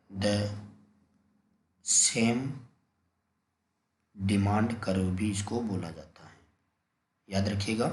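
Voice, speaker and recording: A man with a lowish voice lectures students preparing for an exam. He repeats each point and poses questions that he answers himself. The room rings with echo, and a faint hiss sits under his voice. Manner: repetitive, asks and answers his own questions. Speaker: teacher. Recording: echoey room, faint noise.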